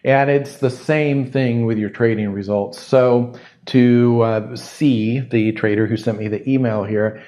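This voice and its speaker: A man's voice: medium pitch, fairly even intonation, measured pace, warm tone. A man hosting a solo podcast, answering a listener's question in a thoughtful, reflective way and often repeating words as he thinks. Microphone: studio microphone close to the mouth.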